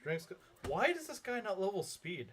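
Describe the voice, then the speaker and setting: This young man's voice is high and husky, fairly bright, with big pitch swings at a normal speed. He's live-streaming a game, reading chat and rambling casually through his thoughts with plenty of filler words and frequent chuckles.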